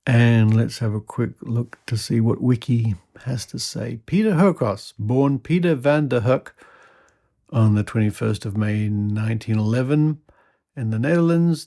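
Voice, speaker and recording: A man with a gravelly, creaky voice reads an old article aloud as a podcast host. He is mid-pitched and drops in wry comments between passages. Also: mellow. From Australia. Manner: wry asides while reading. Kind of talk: reading an old news article aloud with asides.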